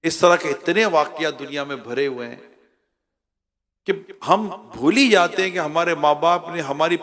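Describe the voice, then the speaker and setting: A man delivering an emotional sermon, telling a story with dramatic swings between loud cries and hushed lament, repeating words for emphasis. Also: fairly high pitch. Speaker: preacher.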